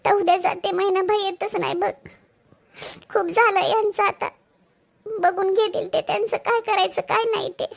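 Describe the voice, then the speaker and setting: A woman's voice: extremely high pitch, fairly even intonation, moderate pace, creaky, long pauses. A woman voicing a tearful young married woman, a new mother, who sobs and pleads, in a cartoon. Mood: weary. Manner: sobbing, pleading. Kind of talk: cartoon voice acting.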